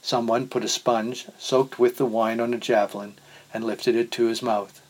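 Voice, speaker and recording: A man giving a measured, solemn reading of scripture. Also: mid-range voice, level tone, poor audio. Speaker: scripture reader.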